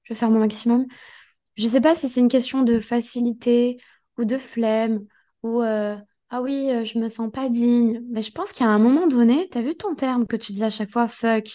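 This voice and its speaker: Hoarse woman with a somewhat high voice, co-hosting a podcast, coaching with emphatic direct talk. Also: moderate pace, dark tone. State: hoarse, partly lost voice. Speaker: podcast co-host. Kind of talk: casual motivational podcast chat.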